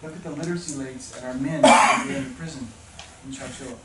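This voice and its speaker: A man's voice: medium pitch, quick pace. Man, motivational teacher talk, storytelling, emphatic peaks, roomy echo, background noise. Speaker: teacher orientation speaker. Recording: echoey room, speaker far from mic, noisy.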